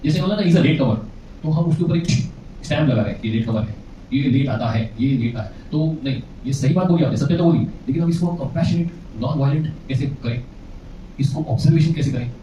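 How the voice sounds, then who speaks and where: A man's voice: on the high side, brisk, warm tone, recorded from a distance, slight background noise. A male relationship coach giving a seminar lecture, quizzing the audience and often chuckling. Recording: echoey, muffled hall recording from afar.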